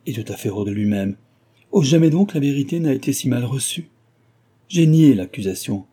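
A man's voice: mid-range voice, moderate pace, mellow, husky, natural voice. A man voicing a proud, agitated young male suitor in a storybook reading, speaking in an impassioned, pleading way. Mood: indignant.

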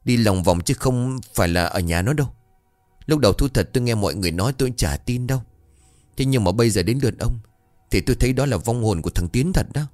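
A man's voice: mid-range voice, expressive, quick pace, a little mellow, no room sound, faint music behind, voice pushed up, natural voice. A man voicing a caring, talkative older wife who frets over her husband. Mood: uneasy.

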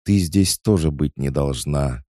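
A man's voice: rumbling low, measured pace, dark tone, dry recording, clean studio sound, voice pushed up. A man voicing a timid but stubborn young girl who stammers and talks shrilly. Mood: defiant.

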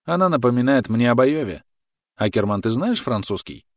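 A man voicing a brash, cheerful young male soldier who shouts boisterously in an audiobook. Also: mid-range voice, sing-song, a little fast, no room sound, studio quality, voice pushed up, close to an everyday voice. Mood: jovial. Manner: boisterous, shouting across a field.

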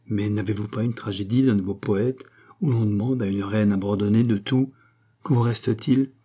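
Haughty queen, read by a man, imperious and reproachful, raised dark husky voice. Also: fairly low pitch, fairly even intonation, moderate pace. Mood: indignant. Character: proud haughty queen, woman, stern.

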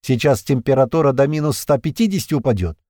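A man voicing a pained male squad leader who shouts orders over a radio. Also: medium pitch, fast, no room sound, clean studio sound, voice pushed up, lightly acted. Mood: urgent.

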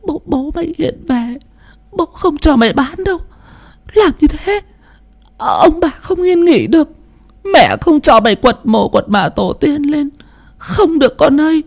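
A woman's voice: high voice, animated, unhurried, gravelly, darkish tone, exaggerated voice. A woman playing a sobbing old widow. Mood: begging. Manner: tearful, pleading, sobbing. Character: grieving old widow haunted by her husband.

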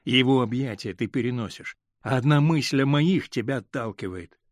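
A male reader voicing a hurt, stern middle-aged husband in an audiobook, speaking in a measured, grave way that holds back pain. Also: medium pitch, no echo, clean studio sound, lightly acted. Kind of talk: audiobook character reading.

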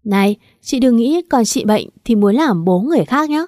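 A woman's voice: a little high, lively intonation, moderate pace, warm tone, no room sound, studio quality, close to an everyday voice. A woman voicing an insolent, vulgar young woman in a storybook reading. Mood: taunting. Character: rude brash young woman, mistress type.

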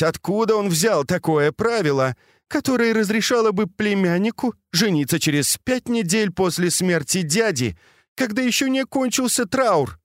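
A man reading an audiobook and voicing a proud, sharp-tongued noblewoman of a grand household who scolds with biting, mocking questions. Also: on the high side, no echo, clean studio sound, voice pushed up.

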